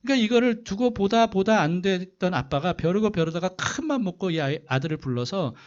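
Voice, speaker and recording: A man's voice: sits high, animated, brisk, dull audio. A male pastor preaching a sermon, asking the congregation questions and telling a story to illustrate his point. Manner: asks the congregation rhetorical questions.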